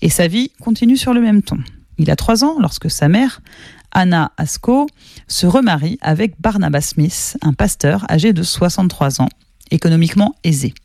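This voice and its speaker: A man's voice: high voice, expressive, normal speed, gravelly, a little mellow, dry recording, clean studio sound. A man presenting a radio programme in scripted narration.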